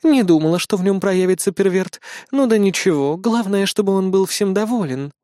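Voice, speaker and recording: A man's voice: high voice, expressive, normal speed, warm tone, no echo, studio quality, voice pushed up. A man doing a sly, purring queen. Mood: calm. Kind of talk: audiobook character voice.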